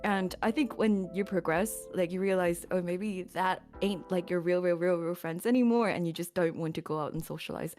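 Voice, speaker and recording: A woman co-hosting a podcast in casual chat, animated and laughing often mid-sentence. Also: fairly low pitch, normal speed, few pauses, faint music behind. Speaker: podcast co-host.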